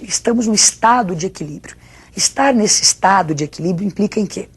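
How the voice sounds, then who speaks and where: Husky Brazilian woman teaching a lesson. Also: on the low side, a little mellow. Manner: didactic, with rhetorical questions and check-in tags. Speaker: chemistry teacher. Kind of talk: spoken video lesson.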